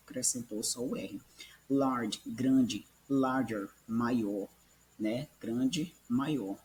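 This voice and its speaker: A man's voice: mid-range voice, a little hiss or hum. A man teaching English grammar in a recorded lesson, patiently repeating examples and checking in with listeners.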